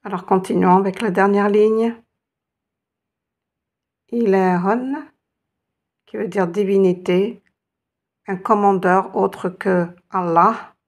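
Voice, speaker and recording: A woman's voice: mid-range voice, steady tone, a little slow. A woman teaching Arabic reading, patiently encouraging her students and drawing out each sound. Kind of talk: reading lesson.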